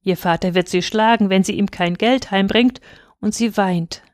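A kind and sorrowful statue prince, voiced by a woman reading a storybook aloud. He speaks gently and pleadingly, and the sound is close and dry. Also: mid-range voice, normal speed, dry recording, natural voice. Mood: tender.

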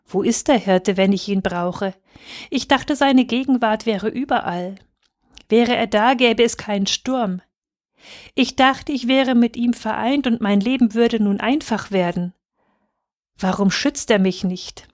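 A woman voicing a small frightened boy who is fearful yet trusting, speaking in a soft, earnest, pleading way. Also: on the high side, slow. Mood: despairing.

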